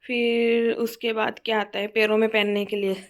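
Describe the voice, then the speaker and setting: A woman's voice: a little high, level tone, moderate pace. Chatty young woman with a cold. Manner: chatty, laughing often. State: hoarse with a cold. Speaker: vlogger. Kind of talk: casual home vlog chat. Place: bedroom at home.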